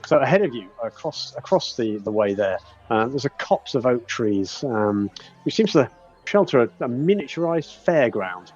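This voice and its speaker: A man narrating a tabletop game as game master in a casual, rambling, halting way. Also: mid-range voice, very animated, darkish tone, breathy edge, faint music behind. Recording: dull, lo-fi sound.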